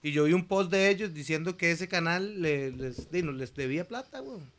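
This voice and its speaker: A man with a Costa Rican accent, a guest musician in a casual podcast chat, talking loudly and repeating his points for emphasis. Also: lively intonation, moderate pace. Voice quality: loud, booming speaking voice.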